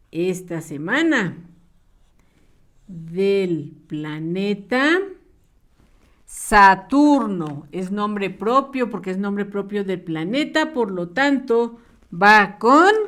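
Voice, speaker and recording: A woman's voice: mid-range voice, expressive, a bit bright. A young woman teaching an online class to small children, asking patient questions and reading aloud. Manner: slow, patient, sing-song questions to children. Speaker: primary school teacher.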